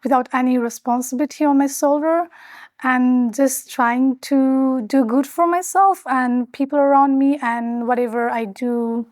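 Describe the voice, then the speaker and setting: A woman's voice: sits high, steady tone, measured pace, darkish tone, dry recording, studio quality. A woman raised in Belgium speaking earnestly in a reflective documentary interview, restarting as she searches for words.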